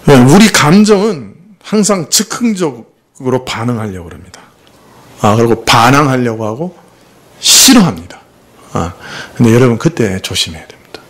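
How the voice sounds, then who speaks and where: A man's voice: medium pitch, sing-song, normal speed. A man preaching a sermon as pastor in a conversational way, drawing the congregation in with rhetorical questions and using himself as the example. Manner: confessional, uses himself as the example.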